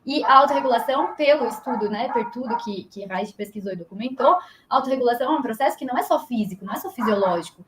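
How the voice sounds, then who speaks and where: Quick, high-voiced woman on a roomy call. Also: noisy background. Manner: animated, acts out imagined dialogue. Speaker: guest engineer. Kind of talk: live video interview, explaining. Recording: roomy echo.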